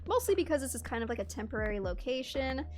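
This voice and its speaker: A woman's voice: high-pitched, big pitch swings, quick pace. A Canadian-born woman streaming a game, chatting casually and reading chat aloud, laughing often.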